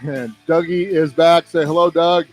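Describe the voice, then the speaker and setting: A man's voice: on the high side, steady tone, normal speed, faint music behind. Man on an overmodulated, clipping mic. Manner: loose, rambling, with fillers and trailing "man". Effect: overmodulated, clipping distorted mic. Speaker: podcast host. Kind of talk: casual podcast chat. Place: recording studio.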